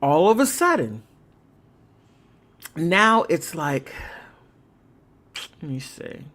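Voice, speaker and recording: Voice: medium pitch, big pitch swings, very slow, a bit bright. A livestream host giving rambling, emphatic political commentary in a casual way, sometimes laughing mid-sentence.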